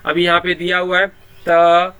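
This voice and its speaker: A man's voice: high voice, monotone, unhurried, pushed and bright, clean tone, dry recording. A man teaching Hindi in an online class, explaining patiently and sounding out letters one by one, with a habit of repeating a filler phrase.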